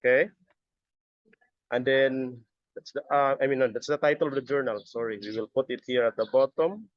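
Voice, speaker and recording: A middle-aged man giving a step-by-step software tutorial as an instructor, halting and often repeating his words. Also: mid-range voice, no echo. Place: busy area, on a video call or webcam setup. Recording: dull lo-fi audio.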